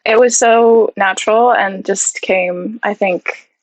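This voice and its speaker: A young woman chats as a guest, with a voice that is neither high nor low for a woman. She sounds friendly but a little self-conscious and now and then gropes for the right English word. Her voice comes through dry, with no room echo. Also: fairly even intonation, slow pace. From Iceland. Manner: friendly, a bit self-conscious, searches for words. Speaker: guest actress. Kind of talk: casual interview chat.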